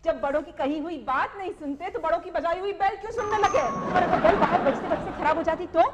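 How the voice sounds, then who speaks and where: A strict scolding aunt, high-pitched. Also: female voice, fairly quick, over a noisy crowd. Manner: scolding, emphatic. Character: strict, scolding woman minding mischievous kids. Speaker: mother figure in a sitcom. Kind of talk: 1990s TV sitcom acting. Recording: hissy old 1990s TV tape.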